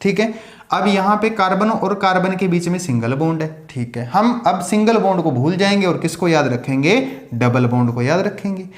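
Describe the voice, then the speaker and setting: A man's voice: sits high, normal speed. A man teaching a science lesson, asking questions and answering them himself, counting aloud as he draws. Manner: counts aloud while drawing. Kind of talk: classroom lecture. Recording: echoey room.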